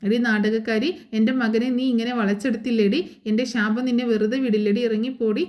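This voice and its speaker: A woman voicing a furious, heartbroken mother who is cursing her son, reading the lines quickly and close to her own voice. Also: fairly high pitch, steady tone, darkish tone, lightly acted. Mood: bitter scolding.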